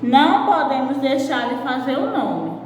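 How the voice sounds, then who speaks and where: A woman preschool teacher with a Brazilian Portuguese accent, slowly sounding out syllables in a sing-song voice for a recorded class. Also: high voice, big pitch swings. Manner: slow, drawn-out syllables, sing-song praise. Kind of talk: recorded remote class for young children. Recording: echoey room, far from the mic.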